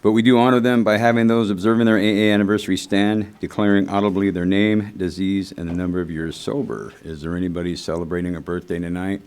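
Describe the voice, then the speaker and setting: A man's voice: low-pitched, fairly even intonation, fast, hardly any pauses, darkish tone, clean tone. A man chairing a group meeting who reads the announcements from a set format and breaks into offhand asides.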